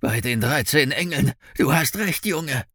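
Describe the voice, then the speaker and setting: A rough, pushy bounty hunter from a storybook, as a male narrator puts him on, his voice raised above the reader's own and gruff. The sound is dry, with the mic close. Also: fairly high pitch, sing-song, normal speed, sharp tone, dry recording, voice pushed up, full character voice.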